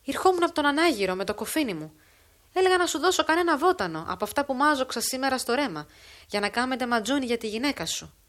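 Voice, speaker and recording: A woman voicing a shrewd, scheming old village woman who talks loudly and frantically in a dramatic audiobook reading. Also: high-pitched, big pitch swings, voice pushed up. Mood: breathless telling. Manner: shouting, frantic and loud.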